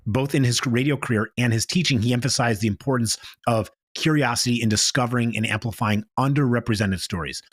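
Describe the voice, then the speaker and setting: A man's voice: medium pitch, a bit bright, no echo, studio quality. A man hosting a podcast in a prepared recap style while battling a chesty cold and cough, with a lozenge in his mouth. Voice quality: throat lozenge in mouth, mouth noises. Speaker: podcast host. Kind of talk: scripted recap podcast narration.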